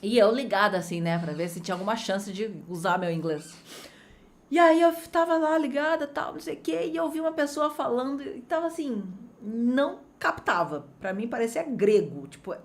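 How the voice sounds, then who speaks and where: A woman from Brazil teaching an online English lesson, energetic and chatty, with big swings of pitch as she talks straight to her students. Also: moderate pace.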